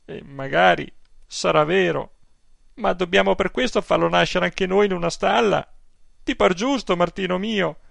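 A man's voice: vocal fry, fairly bright tone, no room sound. A man voicing a devout, indignant old village aunt in an audiobook, with a plaintive, exclaiming manner. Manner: plaintive, exclaiming, higher-pitched. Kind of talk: audiobook character voice.

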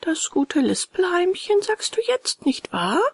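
A woman's voice: extremely high pitch, sing-song, measured pace, vocal fry, dry recording, studio quality, voice pushed up, full character voice. A woman voicing a small, wise cricket in a storybook, stern but kind and lecturing.

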